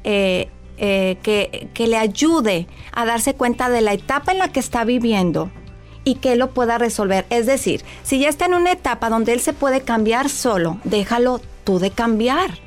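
A woman's voice: fairly high pitch, expressive, moderate pace, soft background music. A woman, a child psychologist, explaining parenting advice step by step in an interview. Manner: clear, agreeable, explains step by step.

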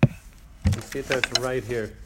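A man's voice: medium pitch, fairly even intonation, a little slow, very noisy. A man teaching a religious text class, translating phrases and counting lines aloud for his students.

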